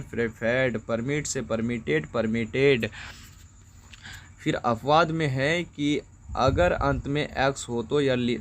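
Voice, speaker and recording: A man with a Bihari accent teaching grammar rules, speaking in a slow, methodical way and repeating each example word twice. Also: medium pitch, slight background noise. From India. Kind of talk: explaining grammar rules to students.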